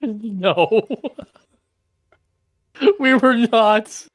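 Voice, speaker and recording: A woman's voice: a little high, extremely slow. A woman playing in a tabletop game, joking crudely and giggling often over an online voice call. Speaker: player. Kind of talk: casual tabletop chat.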